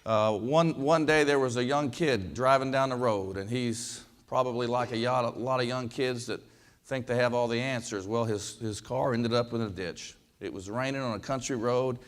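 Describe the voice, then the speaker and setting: A man's voice: mid-range voice, normal speed. A man from western Kansas, a basketball coach, giving a folksy storytelling speech with lots of fillers and repeated words. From western Kansas, USA.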